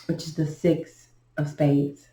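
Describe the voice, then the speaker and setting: A woman gives a casual tarot reading, thinking aloud in a slow, halting way. Her voice sits low and sounds mellow. The room is echoey, with a faint noise underneath. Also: flat delivery. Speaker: tarot reader.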